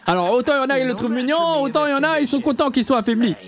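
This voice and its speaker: A man's voice: very high voice, expressive, very fast. A young man with a French accent reacting to animations in slangy, exclamatory casual commentary. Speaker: reaction video host.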